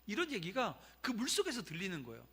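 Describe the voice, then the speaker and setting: Korean pastor guy preaching, kind of high voice, bright, tells stories to the crowd casual-like. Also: wildly swooping pitch, quick pace, slightly rough. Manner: storytelling, conversational asides to the congregation. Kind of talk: sermon. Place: church sanctuary.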